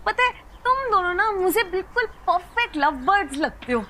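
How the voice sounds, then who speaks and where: A woman's voice: very high voice, expressive, moderate pace, bright, forceful tone, slight background noise, heavily acted. An actress playing a chatty, outspoken young woman who teases and argues in a TV drama. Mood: teasing. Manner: bubbly, teasing, outspoken. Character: chatty teen girl Lovely, lively and bold.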